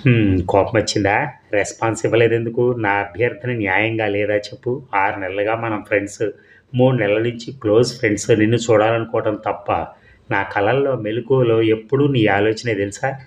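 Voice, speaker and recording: A man reading the lines of a flattering middle-aged male admirer who pleads and sweet-talks in a low voice. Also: moderate pace, natural voice. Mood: pleading.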